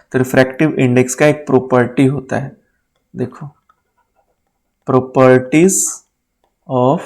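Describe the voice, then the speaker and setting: A man's voice: medium pitch, darkish tone. A man teaching physics for an exam, talking casually, mixing English terms into Hindi and often checking "है ना?". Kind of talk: exam-prep lecture. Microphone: writing on a board while talking.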